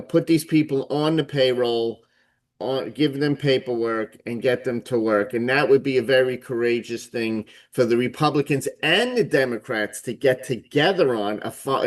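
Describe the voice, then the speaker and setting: A man hosting a casual panel discussion, opinionated and prone to restarting his sentences. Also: mid-range voice. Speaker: host.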